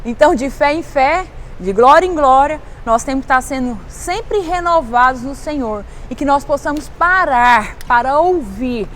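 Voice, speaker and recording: A high-pitched, middle-aged woman with a Brazilian Portuguese accent preaches informally as a pastor, pressing her listeners with repeated questions. Faint traffic noise hums behind her voice. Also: lively intonation, normal speed, few pauses. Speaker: volunteer pastor. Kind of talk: casual preaching to camera.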